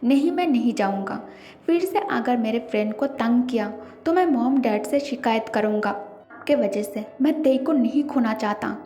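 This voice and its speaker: A woman's voice: fairly high pitch, moderate pace, dark tone, soft background music, lightly acted. A woman voicing a loyal, caring young man who coaxes and reassures his friend. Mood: defiant. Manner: coaxing, reassuring. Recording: echoey reverberant room.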